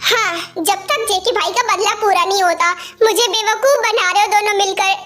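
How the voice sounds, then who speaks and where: A woman's voice: very high-pitched, fairly even intonation, normal speed, a crowd in the background. A woman voicing a defiant sulky younger sister. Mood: hurt, angry. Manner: sulky, defiant, shouting back. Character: stubborn angry teenage younger sister. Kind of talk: amateur fan dub.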